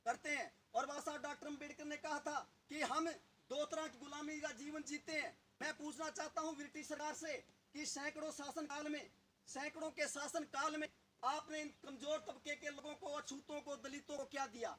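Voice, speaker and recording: A man's voice: extremely high pitch, steady tone, moderate pace, pushed and bright, a little hiss or hum. A man giving a political speech to a village gathering, asking the audience rhetorical questions. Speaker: local party leader.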